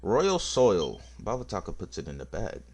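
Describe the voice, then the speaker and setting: A let's-play gamer with a low voice and wildly swooping pitch keeps a moderate pace over faint game music. His casual commentary is joking, playful, and self-teasing.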